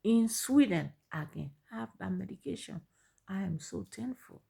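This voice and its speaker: A woman's voice: medium pitch, expressive, moderate pace, gravelly, mellow, slightly rough. A middle-aged woman with a Liberian accent, sharing her personal story and giving earnest advice, repeating points for emphasis.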